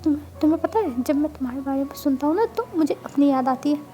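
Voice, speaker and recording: A gentle, soft-spoken young man from a spoken fanfiction story, as a woman narrator puts him on. His voice is high and mellow, quiet and hesitant. He stays earnest and never rough. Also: animated, fast.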